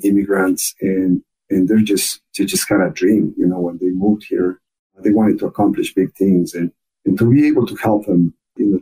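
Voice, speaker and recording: Ecuadorian-accented man, mellow husky voice. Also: on the low side, poor audio. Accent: Ecuadorian Spanish. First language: Spanish. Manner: earnest, many repeated words and restarts. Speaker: guest, chamber of commerce officer. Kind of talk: podcast interview.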